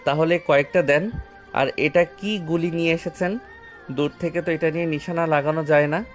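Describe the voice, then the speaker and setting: A man voicing a calm, teasing young hero who stays unfazed. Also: fairly high pitch, normal speed, soft background music, close to an everyday voice. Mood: cool. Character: calm, cheeky young male hero Akash.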